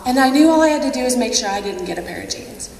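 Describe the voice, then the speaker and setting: A woman gives a motivational talk to a convention crowd. She speaks in a fairly high voice, chats along, and breaks into laughter often. The sound comes from a distant mic in a long-echoing hall with a faint hum behind it. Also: lively intonation, quick pace, a little mellow. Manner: chatty, laughs often, acts out quotes. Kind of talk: motivational speech.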